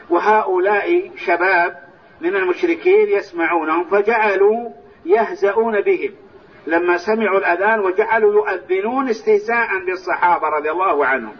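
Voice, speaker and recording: A man teaching a lesson on hadith, explaining the texts step by step and softly reciting phrases of the call to prayer, heard in an old recording from a large mosque. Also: high voice, husky. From Saudi Arabia. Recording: distant, dull, lo-fi old recording with faint hiss.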